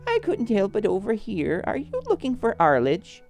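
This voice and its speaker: A woman's voice: mid-range voice, huge pitch swings, moderate pace, faint music behind, voice pushed up. A man voicing a frail, kindly older sheep woman at a farmer's market in a tabletop game. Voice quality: frail, soft.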